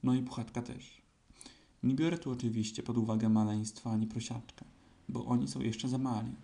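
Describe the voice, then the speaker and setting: A man voicing a gloomy, pompous old male donkey in a storybook reading, speaking slowly and solemnly. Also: mid-range voice, fairly even intonation, vocal fry, warm tone, natural voice.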